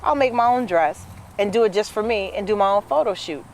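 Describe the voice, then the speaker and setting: A woman's voice: medium pitch, fairly quick. Chatty New woman around fifty. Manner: animated storyteller, lots of "you know". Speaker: guest, dress business owner. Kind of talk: casual interview chat.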